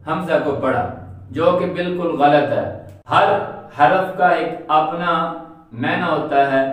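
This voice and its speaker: Guy teaching recitation, patient, stretches out the sounds, kinda higher voice, mic a bit far off. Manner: patient, drawing out letter sounds to demonstrate. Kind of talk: explanatory lesson. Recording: echoey room, voice off-mic.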